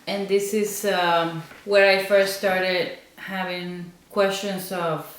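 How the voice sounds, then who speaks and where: Slow, low-voiced woman in an echoey room. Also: level tone. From Central America. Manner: slow and thoughtful, pausing with ums. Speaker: interviewed designer. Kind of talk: interview answers. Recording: echoey room, mic at a distance.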